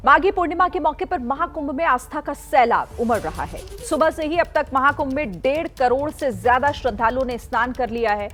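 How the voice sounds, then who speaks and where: A woman news anchor reading the news in a crisp, formal manner. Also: high-pitched, expressive, a little fast, hardly any pauses, a bit bright, soft background music.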